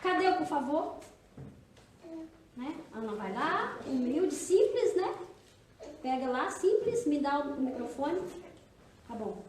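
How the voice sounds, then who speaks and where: A Brazilian woman pastor with a high, sing-song voice leads a women's seminar in a church hall, chatting, teasing, and often putting questions to her listeners. She speaks slowly with long pauses. The recording sounds echoey from a distant mic, with slight background noise.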